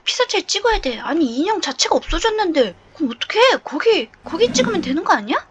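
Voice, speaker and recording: A woman playing a horror game and chatting nervously as she explores, often shouting and laughing from fright. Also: extremely high pitch, sing-song, fast, slight background noise. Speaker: game streamer. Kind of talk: horror game let's play.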